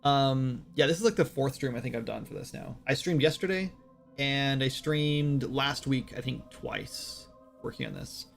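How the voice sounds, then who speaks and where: While working on a game during a livestream, a man in his late thirties talks in a loose, rambling way, running himself down and filling gaps with fillers. He has a creaky mid-range voice at a moderate pace, with soft music in the background.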